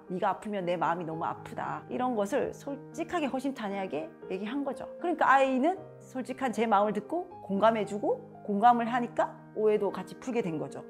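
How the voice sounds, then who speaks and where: A woman's voice: fairly high pitch, a little mellow. A woman sharing a parenting story and advice, acting out the dialogue as she tells it. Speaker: parenting advice channel host. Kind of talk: personal anecdote and parenting advice.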